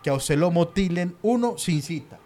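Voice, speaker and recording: A man's voice: high voice, animated, moderate pace, mellow. Slangy Colombian man ranting casually. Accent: Colombian, Medellín area. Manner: ranting, joking, laid-back slangy talk. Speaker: podcast co-host. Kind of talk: casual comedic chat.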